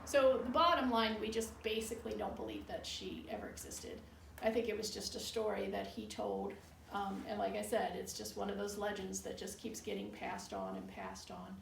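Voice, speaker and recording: Telling local legends to a tour group in an old bar building's indoor room, this guide sounds conversational, skeptical, and matter-of-fact. Her medium-pitched voice is sing-song and creaky at a moderate pace. The mic sits far off, catching echo and a bit of noise.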